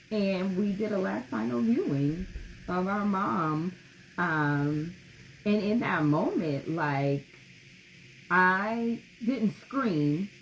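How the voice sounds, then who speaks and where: A woman co-hosts a casual podcast conversation, speaking candidly and with emphasis. Her audio is a little dull and lo-fi, with a faint noise underneath. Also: mid-range voice. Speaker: podcast co-host.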